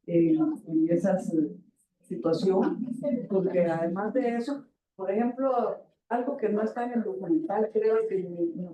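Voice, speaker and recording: An older woman giving a halting personal testimony as a panel guest, pausing often with fillers and repeated words, in a university auditorium. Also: medium pitch, mellow. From Costa Rica. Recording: echoey auditorium.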